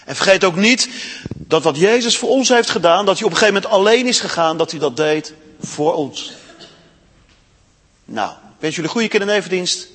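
A man reads a story aloud to children during a church service, slowing down for dramatic effect. His voice is husky and sits a little high, and it swoops widely in pitch. A long echo from the church hall trails after each phrase. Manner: expressive, slows for dramatic pauses.

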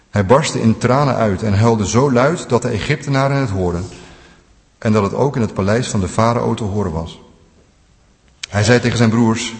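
A man's voice: on the low side, darkish tone. Man reading scripture in a reverberant church. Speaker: scripture reader.

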